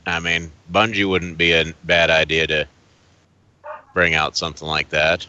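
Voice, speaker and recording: A man's voice: low voice, level tone, unhurried, bright, forceful tone, clear, resonant tone, dry recording. A man answering briefly and hesitantly as a guest in a casual podcast. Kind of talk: casual chat. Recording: dull, dry sound.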